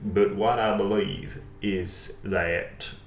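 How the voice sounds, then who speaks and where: A man playing a deadpan conspiracy crank. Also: lowish voice. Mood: stubborn deadpan. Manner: slow, formal, flatly insistent. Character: deadpan male conspiracy theorist denying France exists. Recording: roomy echo, faint background noise.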